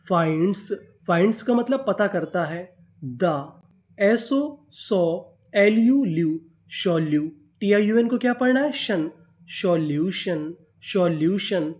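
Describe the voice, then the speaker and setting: A man's voice: high-pitched, darkish tone. A man teaching English reading in Hindi, spelling out each word letter by letter and asking and answering his own questions.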